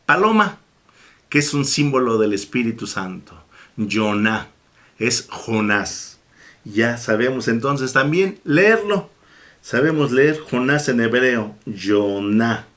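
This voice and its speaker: A man's voice: medium pitch, expressive, takes it slowly, fairly bright tone. A man teaching a Bible Hebrew class, patiently repeating each word and stopping to bless God between points. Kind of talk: slow, patient classroom lesson.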